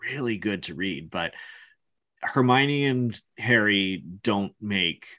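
A man's voice: on the low side, takes it slowly, pushed and bright. A man co-hosting a podcast, talking casually and a little hesitantly as he explains his thoughts on a book. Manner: thoughtful, hedging, explains things. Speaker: podcast co-host.

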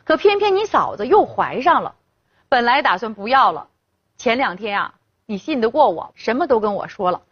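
An earnest village man speaking frankly and confidingly, as a woman storyteller puts him on. The voice is husky and lively, on a dull, dry recording. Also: fairly high pitch, normal speed, no echo.

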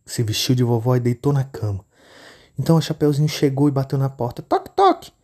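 A woman narrating a children's fairy tale for a podcast in an expressive storytelling manner. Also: very deep voice, fast talker.

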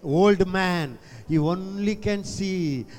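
A man's voice: high voice, takes it slowly, darkish tone. A man with a South Indian accent preaching a sermon to a congregation in a theatrical manner, repeating phrases and acting out sounds. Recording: echoey hall with music behind.

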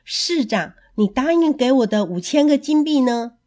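A woman's voice: high voice, lively intonation, moderate pace, dark tone. A woman voicing a wronged male piper in a storybook, speaking firmly and insistently. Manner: firm, insistent.

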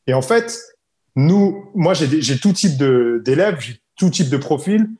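French man, slightly high voice, echoey room. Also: expressive, measured pace, a little mellow. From France. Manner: explains with examples, repeats key points. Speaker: English teacher. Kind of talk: casual podcast conversation.

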